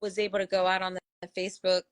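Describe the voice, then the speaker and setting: A woman's voice: medium pitch, monotone, racing. A woman from Florida hosting a casual live-stream chat, rambling and chatty with plenty of fillers. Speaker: host.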